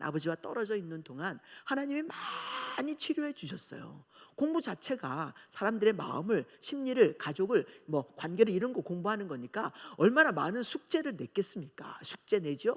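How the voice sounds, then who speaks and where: A Korean-born woman pastor preaching a revival sermon, telling her family story in an animated way and acting out the quarrels in it. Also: mid-range voice. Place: church sanctuary. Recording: long church hall reverb.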